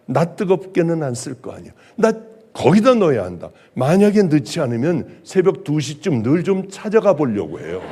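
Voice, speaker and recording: A middle-aged male pastor preaching a sermon, emphatic, swinging from loud exclamations to hushed, quiet lines. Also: fairly high pitch, very animated, normal speed, breathy edge.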